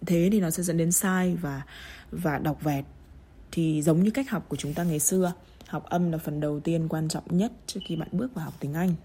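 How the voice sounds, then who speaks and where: A woman with a Vietnamese accent teaching English pronunciation, drilling words slowly and deliberately. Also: low-pitched, mellow, husky. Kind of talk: pronunciation lesson.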